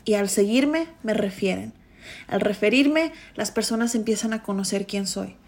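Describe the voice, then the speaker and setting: A woman's voice: mid-range voice, normal speed. A young adult woman hosting a motivational podcast, talking intensely and emphatically. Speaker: podcast host.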